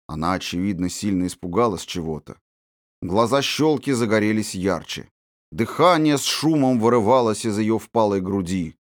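A man narrating a storybook in a measured, descriptive reading. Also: on the low side, no echo, studio quality. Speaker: audiobook narrator.

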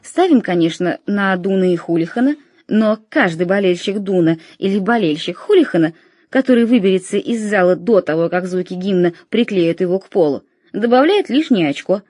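A sly, persuasive schemer, voiced by a woman reading aloud, lays out his plan smoothly. The tone is mellow and dark. The recording is dry and close. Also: medium pitch, lively intonation, normal speed, dry recording, close to an everyday voice. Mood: scheming. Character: sly, scheming man who organizes the bets.

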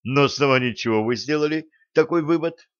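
A loud, jovial staff captain of the old army, played by a man reading an audiobook, bantering in a lifted, higher voice full of courtly turns of phrase. He sounds brash and pleased with himself. The recording is dry and a little dull. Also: fairly quick, clean tone, no echo, natural voice. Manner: boisterous, bantering, old-fashioned courtly speech.

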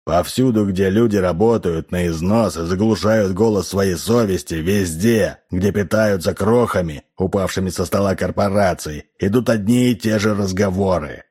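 A man's voice: deep voice, moderate pace, few pauses, darkish tone, breathy edge. A man reading an audiobook, voicing a weary, embittered male station chief who speaks bluntly. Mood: bitter. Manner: blunt, bitter.

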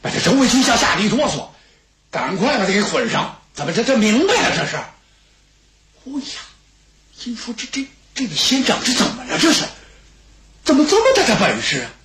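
A man narrating a traditional tale on radio in a brisk, animated way. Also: sits high, roomy sound, a little hiss or hum. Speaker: storyteller.

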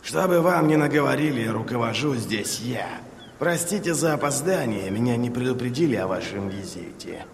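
A bitter, crippled inquisitor in a dark audiobook , put on by a male reader, snarling sarcasm through constant pain. His voice is gravelly and rough, and it rings with a long hall reverb. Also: mid-range voice, lively intonation, moderate pace, slight background noise. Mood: sardonic.

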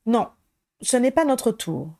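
A woman's voice: fairly high pitch, very animated, slow pace, vocal fry, mellow, no echo, clean studio sound, pitched above the performer's own voice, heavily acted. A woman reading the lines of a courteous, enthusiastic male ministry official in a storybook. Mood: eager. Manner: polite and enthusiastic.

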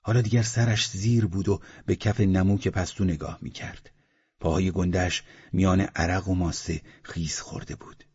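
Brief: male audiobook narrator, very deep and husky, measured reading, muffled sound. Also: fairly even intonation, darkish tone. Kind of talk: scripted narration. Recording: slightly muffled recording.

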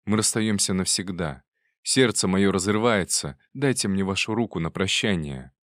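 A heartsick man in love, read by a male narrator in a storybook reading. His voice is low and pleading. The sound is dry and close. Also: moderate pace, a bit bright, no room sound. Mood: subdued.

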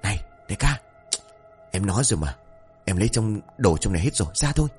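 A man voicing a jumpy young burglar who talks in hurried, anxious half-whispers. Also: lowish voice, very animated, a little mellow, slightly rough, faint music behind, full character voice. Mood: panicky. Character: jumpy young male burglar, panicky sidekick.

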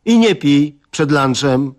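A man's voice: on the high side, expressive, slow, pitched above the performer's own voice. A man voicing a bossy middle-aged village wife who scolds her husband with an air of superiority. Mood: scolding.

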